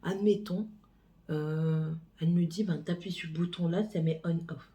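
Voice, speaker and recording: Mellow-voiced woman rambling in a home vlog. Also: on the low side, steady tone, normal speed. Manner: rambling and chatty, lots of hesitations. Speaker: mother and home vlogger. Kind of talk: casual vlog chat.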